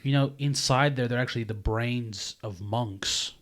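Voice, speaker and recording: A man's voice: mid-range voice, a little slow, fairly bright tone. A man co-hosting a podcast, chatting casually through a movie commentary with jokes and lots of fillers. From United States. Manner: joking, rambling, lots of fillers. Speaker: podcast co-host. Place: indoor room.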